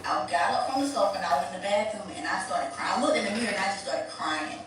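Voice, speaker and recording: A woman's voice: mid-range voice, fast, music in the background. A woman telling a personal story in a casual, candid, rambling way, swearing freely. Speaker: vlogger. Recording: roomy echo, distant mic, ambient noise.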